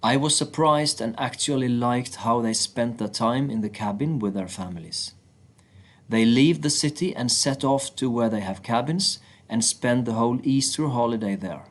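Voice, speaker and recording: A man's voice: mid-range voice, moderate pace. Man reading a book aloud.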